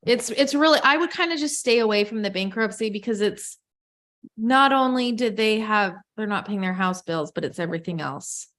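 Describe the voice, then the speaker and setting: Woman coach on a video call, casual and chatty, middle pitch. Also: animated, moderate pace, fairly bright tone. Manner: chatty, loose and self-correcting, talks to the group directly. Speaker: real estate coach leading a group call.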